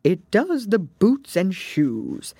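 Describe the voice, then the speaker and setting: A woman's voice: mid-range voice, wildly swooping pitch, unhurried, dry recording, studio quality, voice pushed up. A woman voicing a bossy, impatient male gryphon from a storybook, with a blunt, lecturing delivery. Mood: solemn, boastful.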